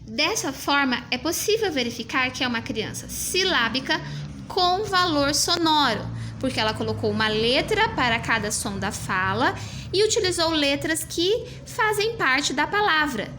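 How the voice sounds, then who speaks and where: A woman teacher explaining a classroom writing assessment, slowly sounding out words as she goes. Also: high voice, big pitch swings, noisy background.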